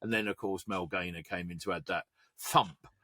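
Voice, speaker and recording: Bright-voiced middle-aged man. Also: low-pitched, steady tone, normal speed. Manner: rambling, digressive, trivia-heavy. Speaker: podcast co-host. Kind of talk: casual chat.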